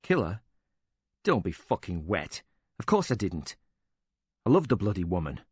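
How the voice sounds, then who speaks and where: A bitter older widower with a short temper, indignant and sarcastic, cursing as he defends himself, read by a man. The voice is low and husky, and it sounds close and dry, with no room around it. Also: very animated, normal speed, a little mellow, no room sound, exaggerated voice.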